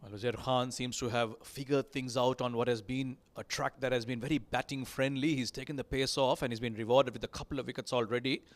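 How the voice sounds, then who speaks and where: A man from Sri Lanka with a Sri Lankan accent, giving lively live cricket commentary that rises on big moments. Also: medium pitch, brisk, few pauses.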